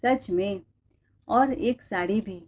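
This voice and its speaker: Brief: gentle young wife in a storybook tale, soft and calm, voiced by the narrator. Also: female voice, mid-range voice, takes it slowly. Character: gentle young married woman, calm and kind.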